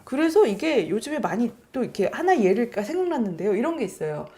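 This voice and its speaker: A woman co-hosting a casual discussion podcast, talking in an animated way and acting out family dialogue. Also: on the high side, fast talker. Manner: animated, acts out family dialogue in quoted voices. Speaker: podcast co-host.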